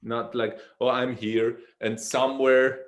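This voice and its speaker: A man's voice: medium pitch, little pitch movement, unhurried. A man hosting a podcast, talking in a hesitant way and searching for his words in casual conversation. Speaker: podcast host.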